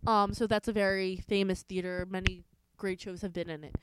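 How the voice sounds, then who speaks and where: A woman's voice: mid-range voice, fairly even intonation, brisk, slight background noise, poor audio. A young woman co-hosting a podcast, telling stories in a chatty way full of fillers. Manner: chatty storyteller, many "like" fillers. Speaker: podcast co-host. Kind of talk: casual chat.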